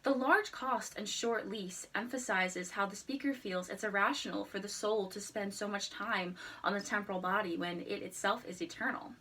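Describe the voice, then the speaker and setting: A woman's voice: medium pitch, normal speed, hardly any pauses, bright, forceful tone. A woman giving a prepared explanatory presentation in a formal, earnest manner. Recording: distant microphone.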